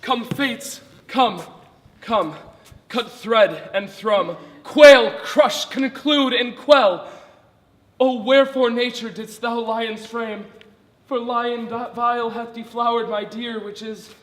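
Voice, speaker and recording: A man's voice: extremely high pitch, steady tone, slow, fairly bright tone, heavily acted. A man acting a pompous weaver who plays a tragic lover, overblown and melodramatic. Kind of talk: live stage acting. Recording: echoey hall, reverberant stage.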